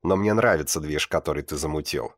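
A man's voice: a bass voice, brisk, dry recording. Man voicing a lazy teen smoker, dry mic. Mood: offhand. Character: laid-back teenage boy smoker. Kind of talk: audiobook reading.

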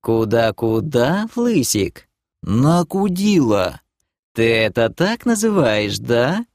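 A man's voice: medium pitch, very animated, slow pace, dry recording. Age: adult. Sex: male performer voicing a female demon. Figure: flirtatious, brazen succubus from a fantasy audiobook. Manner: teasing, sultry drawl. Sound: dry, close.

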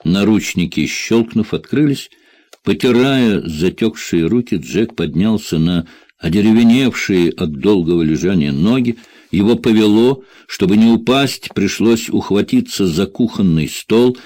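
A man narrating a thriller audiobook in a steady, measured reading. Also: lowish voice, no room sound.

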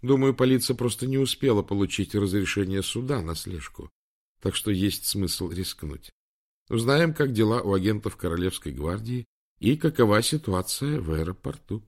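A man's voice: on the low side, animated, moderate pace. A man voicing a determined young woman on the run, talking in an urgent, practical way.

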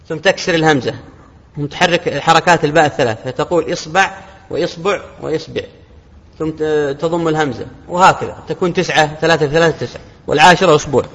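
A man gives rapid lesson commentary in a fairly high voice. He explains casually, with quoted asides. The dull recording carries a long hall reverb. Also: a bit bright. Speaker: sheikh teaching a text.

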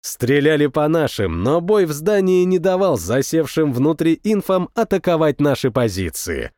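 A man reads a first-person war story as an audiobook, with an expressive, dramatic delivery. His voice is on the high side at normal speed, recorded in studio quality with no room sound.

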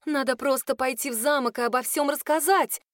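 A woman voicing an excitable, warm young woman in an audiobook, speaking eagerly. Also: sits high, fairly quick, no echo, studio quality, voice pushed up, lightly acted. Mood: excited. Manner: eager, gasping.

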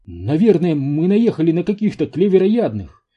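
A man doing an eager, squeaky scientist. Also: big pitch swings, moderate pace, slightly rough, highs cut off. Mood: excited.

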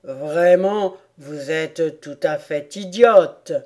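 A woman voicing a sad, sobbing female mock turtle with a calf's head in a storybook reading, slow, loud and lamenting. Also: on the low side. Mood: indignant. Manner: slow, mournful and loud, turning indignant.

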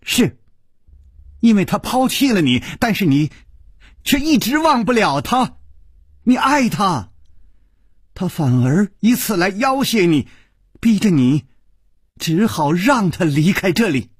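A man's voice: lowish voice, wildly swooping pitch, slow, long pauses, slightly rough, no echo, studio quality, pitched below the performer's own voice, full character voice. A man voicing a coy, teasing young woman. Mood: bitter. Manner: coy and mocking, slipping into hushed murmurs.

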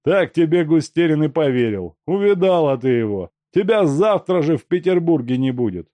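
A man's voice: a little high, expressive, normal speed, mellow, dry recording, voice pushed up, close to an everyday voice. A man reading an audiobook, voicing a domineering male police officer who barks orders. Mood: barking. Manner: barking orders.

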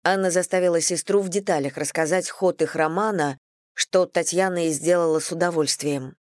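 A woman narrating an audiobook in a steady storytelling manner. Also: fairly low pitch, fairly quick, no room sound, studio quality. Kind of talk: scripted narration.

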